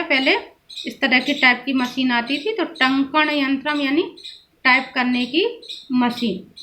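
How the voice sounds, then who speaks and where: A woman teacher talks schoolchildren through a word list at an unhurried pace, repeating each word before its meaning. Her voice sits high. A faint background hiss runs under the recording. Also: a bit bright. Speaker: Sanskrit teacher. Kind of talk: explaining vocabulary to schoolchildren.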